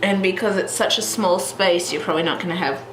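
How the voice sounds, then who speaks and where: A young Australian woman's lowish, congested voice moves briskly over music as she rambles through a colouring tutorial for her channel. She's at home in front of a heater, casual and full of fillers and restarts. The recording has room echo and background noise.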